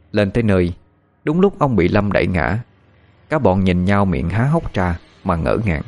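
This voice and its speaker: A man narrates a horror story in a measured way. His voice sits on the low side, and faint music plays underneath. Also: darkish tone, no room sound.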